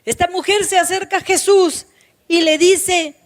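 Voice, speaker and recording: A woman pastor delivers her sermon in a very high, piercing voice. She takes her time, unhurried and deliberate, and she hammers home her points by repeating key phrases straight to the congregation. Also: fairly even intonation. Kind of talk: Pentecostal-style sermon.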